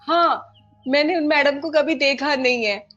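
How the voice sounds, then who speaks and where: A young woman from India, a guest on a podcast, tells a personal story with strong feeling. Her voice sits a little high, and she keeps repeating phrases and acting out what each person said. The sound is dull and lo-fi, with faint music underneath. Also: unhurried. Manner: animated retelling, acts out dialogue, repeats phrases. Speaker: guest devotee. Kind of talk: emotional storytelling in a podcast interview.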